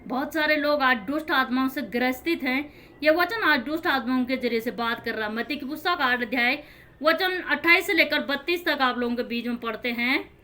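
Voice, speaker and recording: A woman's voice: high-pitched, moderate pace, bright, forceful tone. A woman hosting her own channel, explaining Bible verses in an informal preaching style. She talks earnestly and directly, repeating and rephrasing each verse as she explains it.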